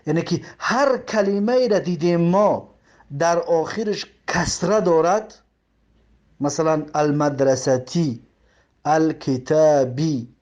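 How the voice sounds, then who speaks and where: Male teacher with a Tajik accent, fairly high and very lively pitch, patient and repetitive grammar explanations. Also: highs cut off. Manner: explains step by step, repeating terms and examples; reads the Arabic text slowly, word by word. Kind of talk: religious grammar lesson.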